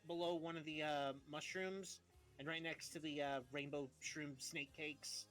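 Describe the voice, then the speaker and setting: A woman's voice: sits low, steady tone, a little slow, soft background music, rough recording. A woman streamer chatting casually and reading a post aloud in a dramatic, theatrical voice.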